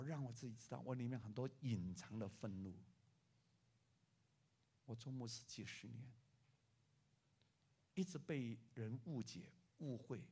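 An older man preaching a sermon as a pastor, telling a story with lively acted-out voices for the people in it. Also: medium pitch, gravelly, husky. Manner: animated preaching, acting out the people in his story.

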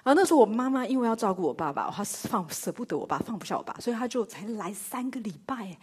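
Lively husky middle-aged woman preaching. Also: on the high side, quick pace. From Taiwan. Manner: lively, rhetorical questions, self-mocking humor. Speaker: church speaker. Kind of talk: sermon with personal story.

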